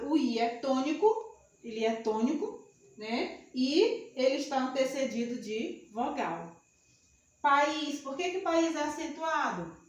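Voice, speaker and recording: A woman teaching a grammar lesson in a classroom at the board, patiently repeating each rule and asking rhetorical questions. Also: sits high. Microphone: camera far from speaker. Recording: very echoey room, voice from far off.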